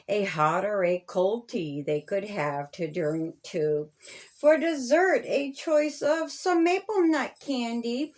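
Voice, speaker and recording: Reading her own children's storybook aloud, a woman uses a measured, sing-song rhyming delivery. Her voice is high-pitched.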